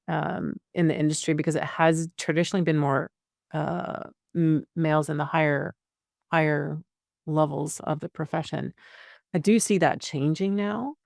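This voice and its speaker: Gravelly and low with a darkish tone, this middle-aged woman's voice leads a casual podcast interview. As host she is conversational and encouraging, often using fillers and restarting her sentences. The sound is clean studio audio with no echo.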